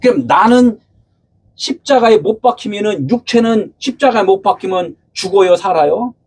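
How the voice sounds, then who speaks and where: A pastor preaching a sermon, asking his listeners questions and answering them himself, at times raising his voice to a shout. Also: high-pitched, expressive, moderate pace, husky. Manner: asks the congregation rhetorical questions and answers them.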